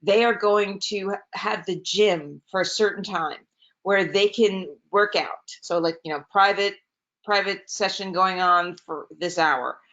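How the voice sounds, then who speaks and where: A woman teaching a live webinar over a video call, chatty and quick to correct herself as she goes. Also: medium pitch. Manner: chatty, self-correcting, lively asides. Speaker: webinar trainer. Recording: slightly dull, lo-fi webinar audio.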